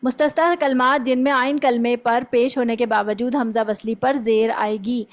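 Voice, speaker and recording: A woman teaching a tajweed lesson. She explains the rules step by step, often checks with her students, and recites example words slowly to show them. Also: fairly high pitch, fairly even intonation.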